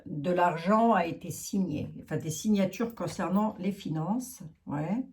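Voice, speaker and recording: Woman, Lorraine French accent, frank chatty card reader, fairly low voice. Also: a little slow, a little mellow. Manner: chatty, frank, thinking aloud with many fillers. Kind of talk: casual card reading monologue.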